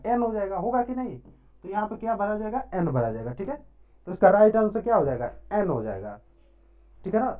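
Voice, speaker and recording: A man teaches a grammar lesson in a mellow, soft-toned voice. His pitch swings widely as he poses questions and answers them himself, checking in often. The recording sounds dull and lo-fi. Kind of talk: classroom-style grammar lesson.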